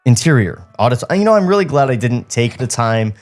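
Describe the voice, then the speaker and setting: Over light background music, a male comedy podcast host reads scripts aloud and trades casual comic banter, sardonic, mocking and conversational. His medium-pitched voice is very animated, brisk and a little mellow.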